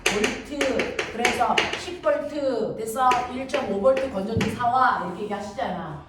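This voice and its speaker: A woman teaching a middle school science class, talking briskly and constantly checking whether students follow. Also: a little high, recorded from a distance. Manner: brisk, constantly checks understanding with quick questions. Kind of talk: classroom lecture. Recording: echoey classroom from afar, noisy.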